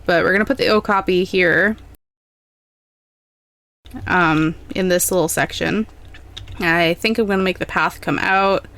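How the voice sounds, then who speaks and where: A young adult woman giving relaxed, rambling gameplay commentary, thinking aloud as she plans. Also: fairly low pitch, measured pace, long pauses. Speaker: gaming channel host.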